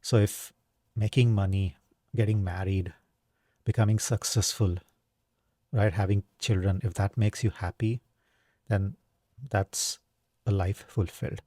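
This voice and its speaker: With a fairly low, warm voice and some vocal fry, this podcast host from India reflects on his own in a clean studio recording without echo. His manner is casual and thoughtful, full of fillers like "um" and "you know" and tags like "right?".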